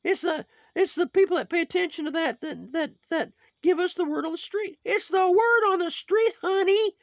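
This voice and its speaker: A shrill, gravelly preachy sock puppet. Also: male voice, normal speed, no room sound. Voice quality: high put-on voice. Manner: lecturing, moralizing, rambling.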